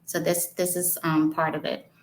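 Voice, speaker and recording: A woman talks about her book and then reads from it. Her pitch is on the low side. She is unhurried and hesitant, with frequent ums between her thoughts. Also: flat delivery, rough recording. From the Bahamas. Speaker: author. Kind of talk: interview and reading from her book.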